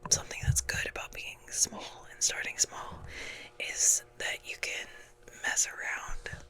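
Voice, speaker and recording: A woman whispering softly and breathily in a casual, halting, self-deprecating ASMR ramble. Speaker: ASMR content creator.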